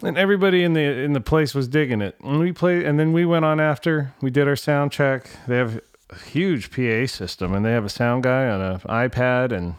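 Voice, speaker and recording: Speaking at medium pitch, a little fast and smooth, this middle-aged musician runs a laid-back solo podcast out of a carpeted, bare-walled home room that's untreated, though the sound is clean studio audio with no room tone. He rambles in a loose, slightly salty way, cutting himself off, circling back, and repeating words.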